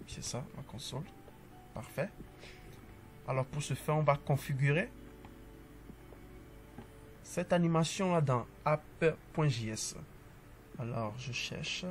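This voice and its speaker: A man giving a casual coding tutorial, calmly talking through each step as he types and tossing in upbeat asides to the viewer. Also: medium pitch, takes it slowly, long pauses, faint music behind.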